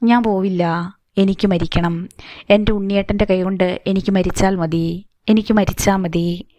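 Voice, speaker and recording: A woman's voice: mid-range voice, steady tone, moderate pace, warm tone, no room sound, close to an everyday voice. A woman voicing a grieving wife who pleads to die, sobbing through her words. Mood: despairing.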